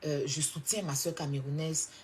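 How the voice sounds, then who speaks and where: A social media personality from Côte d'Ivoire, speaking with an Ivorian French accent, scolds and mocks someone during a heated live-stream rant, insistently repeating her points. Her voice sits low and darkish, with fairly even intonation and a normal pace, and there's a little hiss or hum on the recording.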